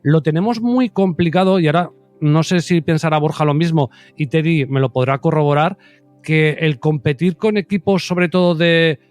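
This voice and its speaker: A man's voice: fairly high pitch, moderate pace, a little mellow, dry recording, soft background music. A man hosting a podcast interview, asking long rambling questions in a casual chat. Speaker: podcast host.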